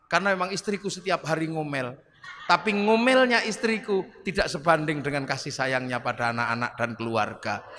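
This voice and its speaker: Man voicing a stern old caliph, low grave voice, echoing hall, faint background noise. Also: a little fast, natural voice. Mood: solemn. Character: stern, fierce older male caliph.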